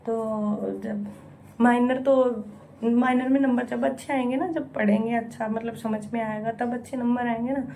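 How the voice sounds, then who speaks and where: A woman's voice: a little high, steady tone, moderate pace, vocal fry, mellow, a little hiss or hum. A young woman from India vlogging, telling a frank, rambling and emotional story in casual confessional talk, with a recurring filler word. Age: young adult. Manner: emotional, repeats "यूँ" often, frank and rambling.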